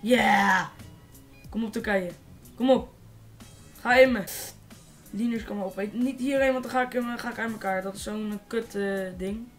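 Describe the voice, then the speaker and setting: A teenage boy from the Netherlands giving casual, excitable let's-play commentary, swearing and shouting at opponents. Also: high-pitched, moderate pace, pauses often, faint music behind. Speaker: gaming YouTuber.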